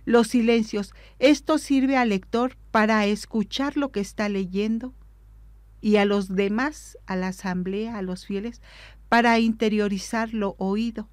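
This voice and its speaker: A woman gives an instructional talk on liturgical reading, speaking in a measured, didactic way. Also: on the high side, a little mellow, no room sound.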